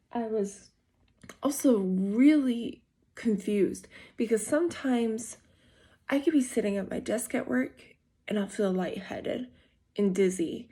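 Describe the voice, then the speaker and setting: A young woman tells a personal story straight to her viewers in a casual vlog. Her voice is mellow and warm, at a middling pitch. She rambles along, restarting sentences and leaning on fillers. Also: husky. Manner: rambling, with frequent fillers and self-corrections. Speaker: vlogger.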